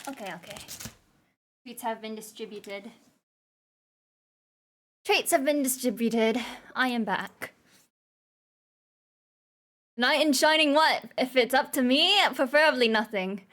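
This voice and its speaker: A woman live-streamer chatting casually with her viewers. Her voice sits a little high, and she giggles often as she rambles from one thought to the next. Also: a little slow, long pauses, fairly bright tone.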